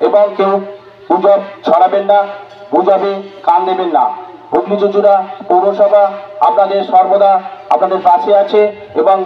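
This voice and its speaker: A man making a formal, repetitive public warning through a megaphone loudspeaker as a municipal announcer. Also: sits high. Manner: formal, slow, repetitive phrasing. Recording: echoey, distant, muffled loudspeaker sound.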